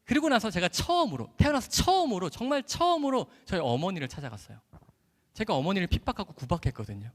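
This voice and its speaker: A man who is a doctor giving an animated church testimony, acting out dialogue and laughing often as he tells his story. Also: high-pitched, quick pace. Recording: echoey hall.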